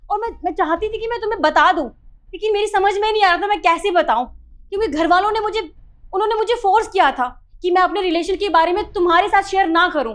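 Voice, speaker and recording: A woman's voice: extremely high pitch, a bit bright. An actor playing a wife caught hiding her lover, defensive and dismissive, in melodramatic short-film style.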